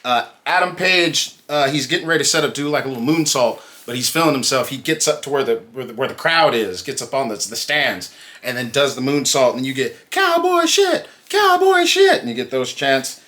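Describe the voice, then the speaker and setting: A man co-hosting a wrestling podcast, opening with a showy sing-song welcome and then recapping matches in relaxed, casual chat. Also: mid-range voice, a little fast. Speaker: podcast co-host.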